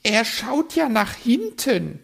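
A man voicing a vain, fussy female magpie in a read-aloud story, with a shrill, indignant way of talking. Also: sing-song, takes it slowly, gravelly, a bit bright, breathy edge, heavily acted. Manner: shrill, indignant, fishing for compliments.

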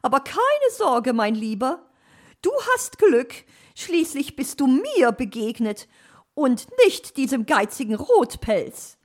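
A woman voicing a chatty, bossy female magpie in a storybook, talking in a shrill, teasing way. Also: big pitch swings, slow pace, heavily acted.

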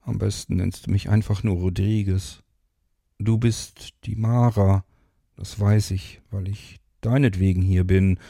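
A gentle, deep-voiced sandman from a bedtime story, speaking calmly and reassuringly, as a male narrator does him. The voice is low and gravelly with a dark, mellow tone. He talks slowly and evenly. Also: dry recording, clean studio sound, exaggerated voice.

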